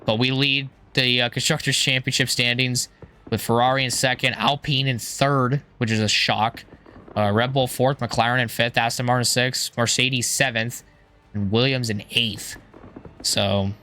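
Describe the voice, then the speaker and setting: A man with a hoarse, strained voice giving casual, rambling gameplay commentary, thinking aloud in an informal way. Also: mid-range voice, sharp tone. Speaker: gaming YouTuber.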